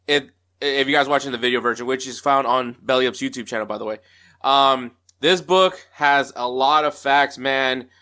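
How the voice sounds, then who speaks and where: A sports podcast host with a medium-pitched voice speaks at normal speed, sounding pushed and bright. He's upbeat and chatty through the casual intro and interview, with lots of fillers and restarts.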